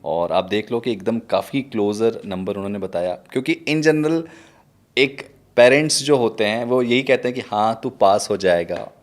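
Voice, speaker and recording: A man's voice: medium pitch, moderate pace. A man hosting an interview, asking questions with enthusiasm and turning to speak to the audience. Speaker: interview host. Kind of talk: conversational interview.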